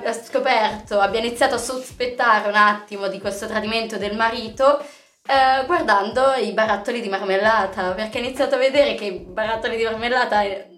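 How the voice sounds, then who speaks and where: A woman hosting a casual chat, talking in a chatty way and often ending points with quick tag questions. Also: on the high side, a bit bright, echoey room.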